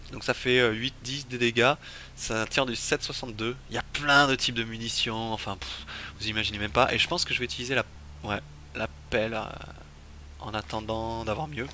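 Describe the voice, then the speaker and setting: A man's voice: mid-range voice, bright, forceful tone, slight background noise. A man streaming a game, commenting casually and thinking aloud with many fillers. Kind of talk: casual let's-play commentary.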